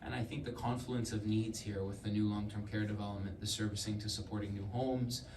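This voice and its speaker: Male politician, low register, earnest and stop-start, fielding a question in a reverberant room. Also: steady tone. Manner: halting, repeating words as he argues earnestly. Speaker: provincial government politician. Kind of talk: answering a question at a public announcement. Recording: echoey room, distant mic, faint noise.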